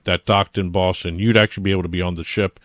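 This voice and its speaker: A man with a New Jersey accent talks casually as a podcast co-host, his voice sitting very low. He explains things at length, full of "uh" and "you know". The sound is dry and close. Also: fairly even intonation, quick pace, fairly bright tone, no echo. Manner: explains at length, chatty with fillers. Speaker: co-host, trademark attorney.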